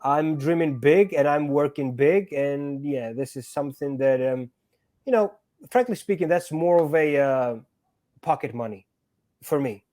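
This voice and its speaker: A man's voice: fairly high pitch, measured pace, dark tone. A man born in Georgia and raised in Greece, a guest actor and stuntman talking casually in an interview, earnest and often repeating words as he finds his phrasing.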